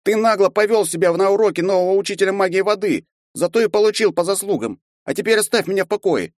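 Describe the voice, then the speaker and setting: A man's voice: sits high, lively intonation, fast talker, no echo, clean studio sound, voice pushed up. A man reading an audiobook voices a young orc boy student who is brave and earnest. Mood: indignant. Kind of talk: audiobook character voice.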